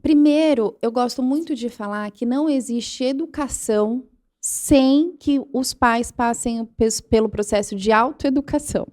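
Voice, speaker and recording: High-voiced Brazilian woman telling her story. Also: unhurried, a little mellow. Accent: Brazilian Portuguese. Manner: earnest storytelling, acts out quoted lines. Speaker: guest, parent educator. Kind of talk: interview conversation. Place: podcast studio.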